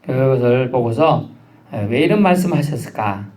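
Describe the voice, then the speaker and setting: A man's voice: mid-range voice, expressive, moderate pace, darkish tone. A man preaching a midweek sermon, in a casual, conversational way, acting out the voices he quotes. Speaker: pastor.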